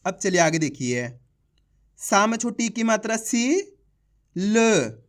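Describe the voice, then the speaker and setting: A young man teaching reading in a slow online lesson, drilling sounds and asking learners to repeat after him. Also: high-pitched, very animated, fairly bright tone. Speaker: Hindi teacher.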